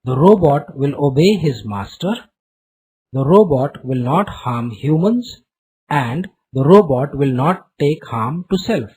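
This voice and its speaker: A man playing a short, narrow-eyed salesman who delivers a slick sales pitch like a recorded program. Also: expressive, slow pace, darkish tone, slightly rough, full character voice. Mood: smooth selling.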